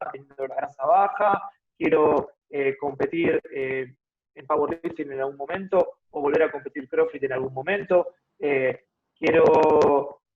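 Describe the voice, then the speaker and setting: A male guest in his 30s from Argentina speaks with a Buenos Aires accent in a fairly high voice during a casual interview. A fitness motivator, he explains things while thinking aloud, often adding tag questions. The audio is slightly muffled with a little hiss or hum.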